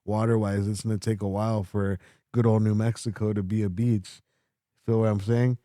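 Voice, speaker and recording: A man's voice: on the low side, level tone, normal speed, warm tone, dry recording, clean studio sound. A man hosting a casual podcast, rambling and swearing in a laid-back way. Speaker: podcast host. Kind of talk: casual chat.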